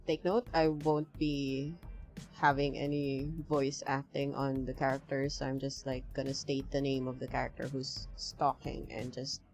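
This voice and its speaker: A woman's voice: sits low, darkish tone. A woman streaming a visual novel, reading it aloud and rambling in between with lots of fillers. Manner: rambling, filler-heavy chat. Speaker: let's play streamer.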